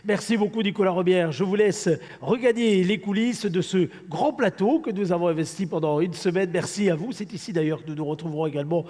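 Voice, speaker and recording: A male host presents a live morning show with a head cold that leaves him husky and hoarse. His voice is soft-edged and sits a little high, ringing in a large hall. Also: fairly quick, hardly any pauses. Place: large studio set in a big hall. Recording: large hall with long reverb.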